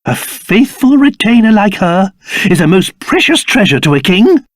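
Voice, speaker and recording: An actor playing a pompous, fussy old king turned into a small monster in a video game, with a British accent and a theatrical, excitable delivery. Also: high-pitched, normal speed, no room sound. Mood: impressed, commanding.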